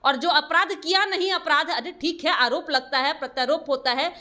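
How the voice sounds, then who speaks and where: A woman's voice: sits high, moderate pace, pushed and bright. A woman party spokesperson answering interview questions in a combative way, rebutting her opponents and lecturing them.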